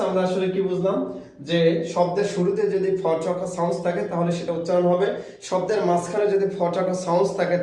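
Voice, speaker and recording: A man teaching English pronunciation in a video lesson, repeating each rule slowly and with emphasis. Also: sits high, mellow. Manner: slow, emphatic repetition of rules. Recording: very echoey room.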